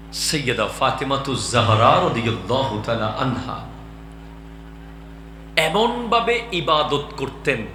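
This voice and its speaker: A man with a medium-pitched voice delivers a Bengali waz sermon to a gathering, his passion rising into shouts. He urges the crowd to call back and respond. The room echoes, and there's background noise.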